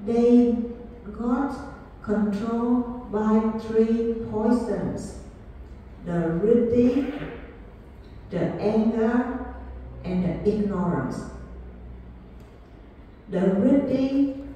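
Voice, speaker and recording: A woman giving a Buddhist dharma class, speaking deliberately and repeating key phrases to her students. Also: on the high side, dark tone, a little hiss or hum. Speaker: Buddhist teacher. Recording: echoey hall, far from mic.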